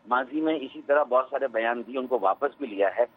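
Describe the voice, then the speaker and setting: A man's voice: mid-range voice, husky. A male politician on a phone line, arguing his point insistently and talking over the host.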